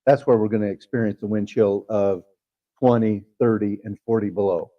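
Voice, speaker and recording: A man with a fairly low voice, speaking at a normal speed in a steady tone, works as a TV meteorologist. He chats through the forecast in a folksy broadcast style, using lots of fillers. The audio sounds dull.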